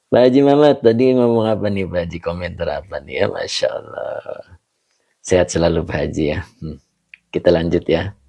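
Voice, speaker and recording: A man's voice: deep voice, gravelly, warm tone, husky. A man teaching a live online Quran class, chatty, greeting viewers by name and chuckling often.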